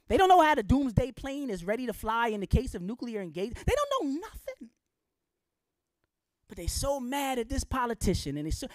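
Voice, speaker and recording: A middle-aged woman gives an impassioned public lecture, blunt and colloquial, shooting off rhetorical questions in a fiery, preachy style. Her voice is fairly high, recorded with clean studio sound and no room sound.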